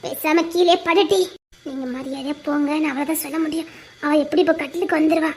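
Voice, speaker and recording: A woman's voice: high-pitched, fairly even intonation, fast talker, darkish tone. A woman acting an anxious young woman who hides her lover and talks in pleading, exasperated whispers. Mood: hushed pleading. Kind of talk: audio drama acting.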